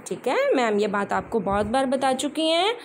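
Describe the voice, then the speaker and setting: A woman teaching young children, reading words slowly syllable by syllable and mixing in words. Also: high-pitched, sing-song, slight background noise, low-quality recording. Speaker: primary school teacher. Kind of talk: slow classroom lesson.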